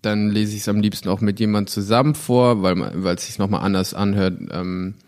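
A man's voice: lowish voice, steady tone, brisk, darkish tone. A man in his twenties, an actor, talking casually in an interview, rambling with many fillers and restarts. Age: 20s.

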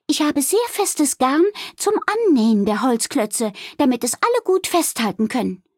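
A woman voicing a high, fretful innkeeper. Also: big pitch swings, normal speed, a little mellow, slightly rough, dry recording, studio quality, full character voice. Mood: urgent. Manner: urgent, fretful, emphatic. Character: worried, motherly woman innkeeper.

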